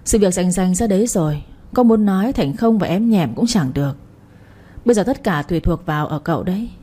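A powerful older magistrate, voiced by a woman issues cold, measured threats. His speech is commanding and menacing. The voice is dark and husky. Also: sits high, animated.

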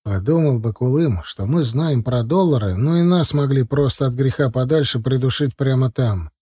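Male audiobook narrator; measured first-person reading, dark, dry. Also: medium pitch, husky, dry recording. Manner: measured, calm storytelling.

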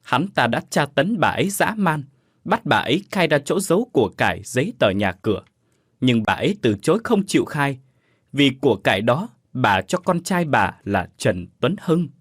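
A man voicing a sorrowful, calm older woman in a storybook ghost tale, speaking slowly and solemnly. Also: medium pitch, breathy edge, no echo, studio quality. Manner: slow, solemn, measured.

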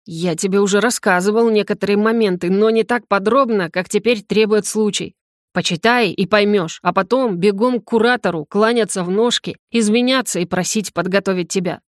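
A woman's voice: mid-range voice, brisk, no room sound, clean studio sound, natural voice. A woman voicing an irritable, hungover male academy rector who scolds and lectures in an audiobook. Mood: stern. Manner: stern, scolding.

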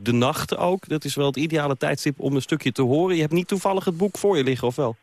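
A man's voice: fairly high pitch, fast, darkish tone, no echo. A man hosting a live radio interview from a studio at night, friendly, with frequent fillers.

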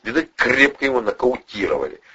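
A man narrating an audiobook in a wry, expressive storytelling manner. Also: medium pitch, fairly quick, breathy edge, lo-fi sound.

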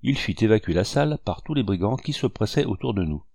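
Low-voiced male audiobook narrator. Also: expressive, quick pace, creaky, darkish tone, breathy edge, no room sound, studio quality.

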